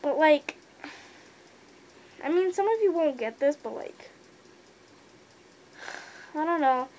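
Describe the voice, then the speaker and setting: High-voiced young woman inside a costume head. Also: lively intonation, slow pace, a little mellow, a little hiss or hum, poor audio. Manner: rambling, many fillers. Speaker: fursuiter vlogger. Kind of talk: casual opinion monologue.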